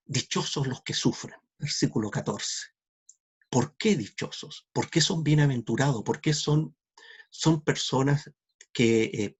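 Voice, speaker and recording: Male pastor, sermon delivery; gravelly, a bit husky, earnest, drops to near-hush for emphasis. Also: medium pitch. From Chile. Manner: heartfelt, earnest preaching that drops to a soft hush; quietly acts out the voices of the people he quotes.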